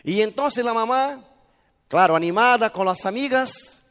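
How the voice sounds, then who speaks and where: Lively high-voiced male preacher in a hall. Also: unhurried, smooth. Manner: lively, asks the audience questions, acts out little scenes. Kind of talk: sermon. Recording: reverberant hall.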